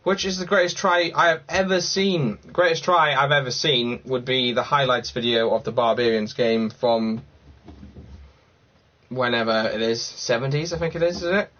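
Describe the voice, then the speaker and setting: A man's voice: medium pitch, moderate pace, a bit bright. A man from Cardiff hosting a casual livestream, chatting and rambling as he answers viewer comments. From Cardiff, Wales. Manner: chatty and rambling, thinks aloud. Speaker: livestream host. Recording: slightly dull lo-fi sound.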